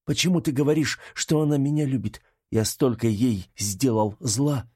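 A man's voice: mid-range voice, a little mellow, slightly rough, dry recording, studio quality, natural voice. A man reading as a pleading young mage. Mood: bewildered. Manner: pleading, slow. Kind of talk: audiobook character reading.

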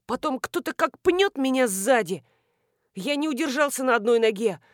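A mild, matter-of-fact middle-aged professor with a hurt leg, as a woman reads him in an audiobook. The voice sits a little high for a man and is recorded close and dry, with no room sound. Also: lively intonation, moderate pace, no echo. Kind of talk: audiobook character reading.

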